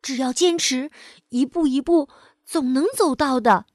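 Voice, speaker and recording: A woman's voice: sits high, measured pace, dry recording, studio quality. A woman voicing a small, ordinary male tortoise who talks politely but will not give up. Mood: earnest. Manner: polite and quietly determined.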